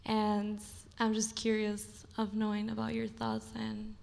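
A woman's voice: fairly high pitch, monotone, measured pace, creaky, a little mellow. A woman from Ecuador, an audience member asking a long, earnest question full of hesitations. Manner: earnest, hesitant, many "you know" and "like". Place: large auditorium audience. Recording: hall reverb in a large auditorium.

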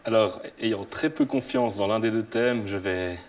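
A man's voice: lowish voice, fairly even intonation, measured pace, distant mic. A man in his thirties from Switzerland, a quiz show contestant answering and bantering casually. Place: large TV quiz studio. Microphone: clip-on lapel mic.

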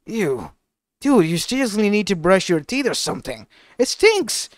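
A man's voice: sits high, sing-song, normal speed, no room sound, studio quality, pitched above the performer's own voice. A man voicing a brash, goofy teenage boy ninja who stammers when flustered. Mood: cheeky.

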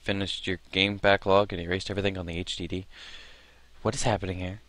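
A man's voice: sits low, flat delivery, fast, a bit bright, dry recording. A young man giving casual gameplay commentary into a close microphone, bewildered, repeating and questioning what he hears. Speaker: let's play commentator. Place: small room indoors. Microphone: desk microphone close by.

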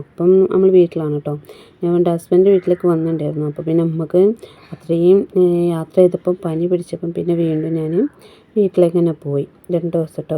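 A low-pitched woman with a very dark, mellow tone. She rambles chattily through a casual home vlog and keeps adding little tag words. She has a cold that is changing her voice. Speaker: home vlogger and mother.

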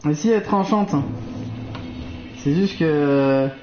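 A man giving live commentary on his gameplay, excitable, swearing and laughing often. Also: a little high, measured pace. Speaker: streamer playing a video game. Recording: echoey lo-fi stream audio with game noise.

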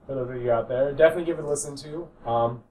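A man's voice: mid-range voice, dark tone. A man co-hosting a casual podcast while drawing, teasing his friends and laughing often. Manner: teasing and giggly, quick to laugh. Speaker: podcast co-host. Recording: distant mic with faint room noise.

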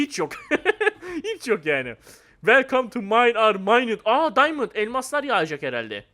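A young man giving casual, excitable gameplay commentary, often laughing and teasing other players. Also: a little high. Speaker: gaming YouTuber.

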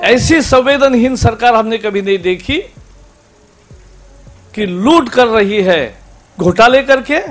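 Male politician, high-ish voice, very slow deliberate delivery, desk mic, presser. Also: fairly bright tone, faint music behind. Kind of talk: press conference statement. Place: indoor press conference. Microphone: desk microphone.

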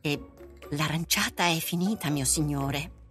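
Brief: woman playing a mumbling, nervous servant, bright and hesitant. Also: low voice, a little slow, soft background music. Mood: apologetic. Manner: mumbling, hesitant, full of ehm. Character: timid, bumbling male servant. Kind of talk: storybook read-aloud.

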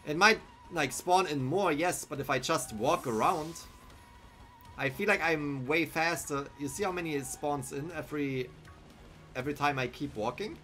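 A young German-accented streamer talks into a headset in a small room, casually commenting on his game live, thinking aloud, and chatting with viewers. His voice is fairly high, bright, and forceful at a moderate pace, with faint music in the background.

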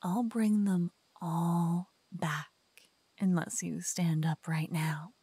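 An ASMR roleplay performer whispers softly on a binaural mic, with no room sound, playing a cocky, playful young woman who is a devoted lover waking her partner. Her voice is fairly low, breathy and fairly even, moving at a slow pace with a playful, teasing mood.

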